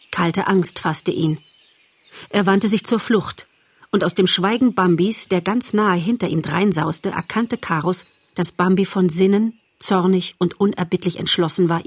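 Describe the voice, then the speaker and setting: A woman narrating a storybook audiobook in a measured, expressive storytelling voice. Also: lowish voice, breathy edge, dry recording.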